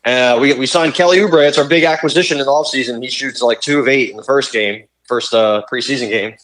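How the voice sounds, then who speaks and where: Brief: young male podcast co-host, mid-pitched, blunt, swears freely, ranting sports talk. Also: fairly quick, fairly bright tone, a little hiss or hum, low-quality recording. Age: young adult.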